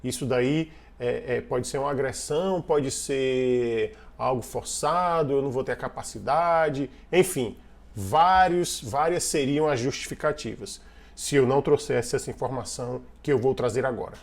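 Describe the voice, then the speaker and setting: A man's voice: medium pitch, normal speed, gravelly. Conversational male coach. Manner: conversational, repeats and restarts, asks the listener questions. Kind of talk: casual online lesson on team communication.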